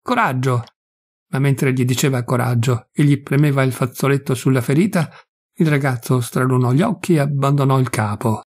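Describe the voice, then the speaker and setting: A man reading a classic novel aloud in a measured, deliberate and solemn way. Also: medium pitch, darkish tone. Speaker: audiobook reader. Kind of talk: scripted narration of a classic novel.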